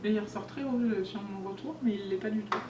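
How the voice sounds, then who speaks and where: A woman's voice: mid-range voice, fast talker, far from the mic. A young woman chatting casually as she unboxes makeup for her vlog and talks to the products. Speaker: beauty vlogger. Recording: echoey room, voice a bit off-mic, faint music.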